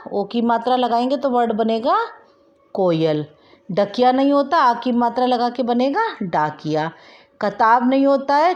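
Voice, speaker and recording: A woman teacher giving a recorded primary school language lesson, dictating example words slowly and mixing in English words. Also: a little high, darkish tone. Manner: slow, deliberate dictation of example words and sentences; mixes English words into Hindi. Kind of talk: recorded online class lesson.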